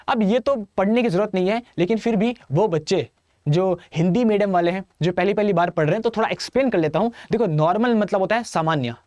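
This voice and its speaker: A man's voice: high voice, a little mellow, dry recording. Playful Indian male tutor, exam-prep lesson, close dry mic. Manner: playful, chatty, addresses students directly. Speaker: English vocabulary teacher.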